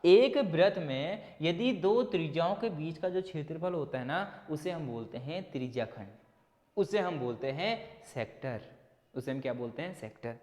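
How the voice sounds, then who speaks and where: Heard in a large hall, this teacher has a slightly high, somewhat mellow voice with lively intonation and normal pacing. He runs a maths exam-prep lesson at the whiteboard, posing questions he then answers and offering encouraging pep talk to his students.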